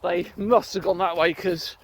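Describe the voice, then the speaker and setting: A British man with a fairly high voice chats to his vlog while running. He rambles and hesitates, thinking out loud in a casual, unscripted way. The handheld outdoor recording is clearly noisy. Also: steady tone, unhurried. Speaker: running vlogger. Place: outdoors on a rural riverside footpath. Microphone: handheld phone or recorder on the move.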